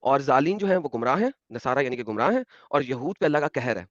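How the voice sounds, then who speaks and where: A man in an online debate explaining points briskly with references. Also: mid-range voice, expressive, no echo, lo-fi sound. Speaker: debate participant.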